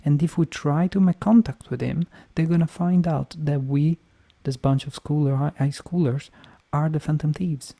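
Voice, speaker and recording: Male game streamer, very soft dark tone, slightly high pitch, argumentative casual commentary. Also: fairly even intonation, moderate pace, creaky, few pauses.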